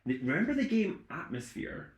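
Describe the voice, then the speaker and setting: A man's voice: high voice, sing-song, moderate pace, roomy sound. A man, hosting a podcast in casual chat and often giggling. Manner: giggly and chatty. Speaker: podcast host.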